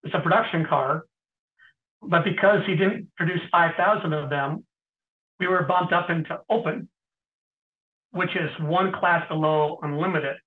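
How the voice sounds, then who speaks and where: A middle-aged man, an interview guest, tells stories in a casual way, often clearing his throat and pausing with fillers. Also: on the high side. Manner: anecdotal, frequent throat clearing and hesitant fillers. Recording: tinny phone-like sound.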